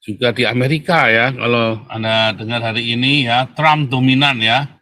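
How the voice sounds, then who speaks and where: A man's voice: medium pitch, fairly even intonation, normal speed, sharp tone. A man hosting a casual monologue, talking emphatically to his audience, tagging lines with a repeated address and laughing at his own remarks. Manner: repeats "saudara ya" constantly, chatty and emphatic. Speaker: host.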